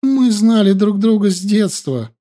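A man voicing a young princess who accuses and weeps, her voice raised high and pleading. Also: animated, measured pace, warm tone. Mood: tearful. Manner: accusing, tearful, high-pitched. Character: young grieving furious princess woman.

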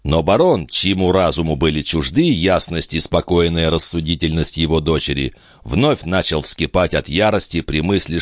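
A man narrating a classic novel in a measured literary reading. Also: low voice, no room sound, clean studio sound. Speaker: audiobook narrator. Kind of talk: scripted narration.

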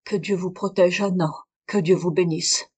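A woman reading aloud, voicing a shaken old male professor who bursts out in loud, raised exclamations. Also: fairly low pitch, steady tone, normal speed, breathy edge. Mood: pleading.

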